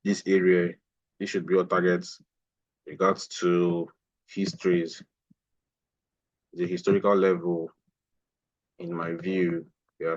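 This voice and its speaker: In a live online trading lesson, a male instructor with a low-pitched voice explains a price chart, repeating phrases as he points things out. The recording sounds muffled.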